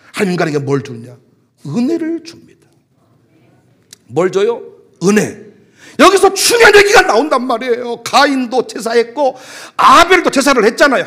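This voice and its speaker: A man preaching a sermon as pastor, with a Jeolla dialect, moving between loud emphatic calls and soft asides. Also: very high voice.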